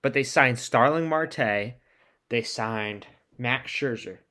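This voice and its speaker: Guy hosting a sports podcast, casual and pumped up, bright voice. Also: medium pitch, slow pace. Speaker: podcast host.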